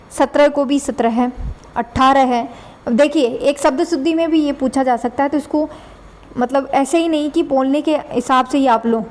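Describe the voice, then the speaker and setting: A woman's voice: high voice, darkish tone. A woman with a Rajasthani Hindi accent teaching an online exam-prep lesson in a chatty way, repeating words and checking in with tag questions. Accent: Rajasthani Hindi (Dhundhari). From Dhundhar region, Rajasthan.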